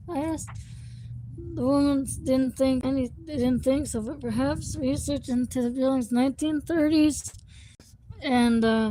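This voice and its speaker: A woman's voice: high voice, mellow, slight background noise, low-quality recording. A woman casually reading ghost stories aloud to her viewers, stumbling and restarting, with chuckles and chatty asides. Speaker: host reading ghost stories to a live stream chat.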